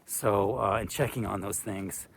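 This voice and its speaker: A man's voice: fairly low pitch, fairly even intonation, unhurried, gravelly, a little hiss or hum. A middle-aged man, a retired care worker, giving casual, rambling advice with many fillers, a bit out of breath. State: slightly out of breath. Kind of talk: casual advice talk to camera.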